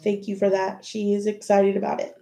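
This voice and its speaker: A woman's voice: medium pitch, completely flat delivery, fairly quick, gravelly, mellow, poor audio. A woman co-hosting a live auction stream, reading out viewer comments and greeting people by name. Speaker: auction co-host. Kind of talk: casual live-stream chat.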